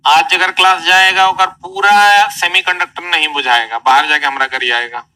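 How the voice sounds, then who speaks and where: A man's voice: high voice, steady tone, moderate pace, pushed and bright, far from the mic, rough recording. A male teacher with a Bihari Hindi accent, giving a chatty classroom lecture and quizzing the students. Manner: chatty, asks the class questions.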